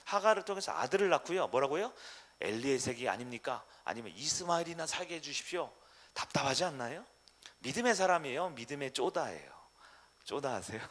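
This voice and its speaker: A man preaching a sermon as pastor in a church, asking the congregation questions and swinging between loud emphasis and hushed asides. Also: mid-range voice. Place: church sanctuary.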